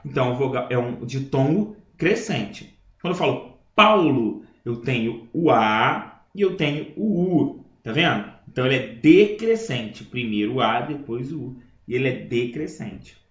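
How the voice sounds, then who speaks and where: A man's voice: medium pitch, lively intonation, normal speed. A man teaching a grammar lesson, explaining step by step and checking in with his listeners. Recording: echoey room, dull lo-fi sound.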